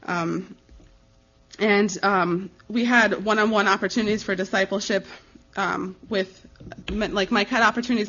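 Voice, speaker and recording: This slightly lo-fi, dull recording features a young American missionary woman with a medium-pitched, fairly bright voice. Standing before an audience, she presents her ministry report over slides in an informal, earnest manner, talking conversationally and with some hesitation.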